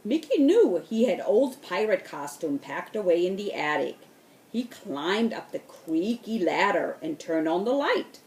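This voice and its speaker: A woman reading a children's storybook aloud in a slow, expressive way. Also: lowish voice, echoey room. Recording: voice distant from the mic.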